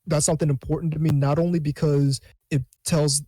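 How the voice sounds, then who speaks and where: A man's voice: fairly high pitch, little pitch movement, warm tone, no room sound. Earnest man, dry close sound. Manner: earnest, halting, restarts phrases. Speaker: podcast guest. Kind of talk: casual chat.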